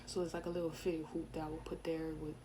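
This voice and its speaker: A woman's voice: low voice, flat delivery, fast talker, noisy background. A woman, chatting casually and rambling to camera in a home vlog. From Louisiana, USA. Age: 20s. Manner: rambling, chatty, self-focused asides. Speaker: vlogger. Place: home, indoors.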